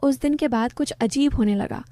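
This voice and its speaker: A woman narrating a story in the first person, with a soft, low-key delivery. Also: moderate pace, no echo.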